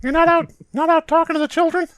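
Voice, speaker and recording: A man's voice: very high voice, level tone, quick pace, a bit bright, no echo, pitched above the performer's own voice. A man voicing a prim, pious, preachy cartoon mouse boss in a comedy riff. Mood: scolding.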